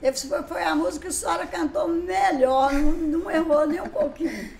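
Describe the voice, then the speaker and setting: An older woman who writes books and songs chats casually in an interview, telling lively stories and acting out old conversations. Her voice is very high and quick, and the room sounds echoey.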